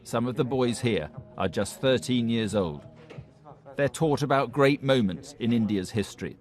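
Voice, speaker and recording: A man's voice: mid-range voice, lively intonation, normal speed. A man reading a scripted documentary narration. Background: music.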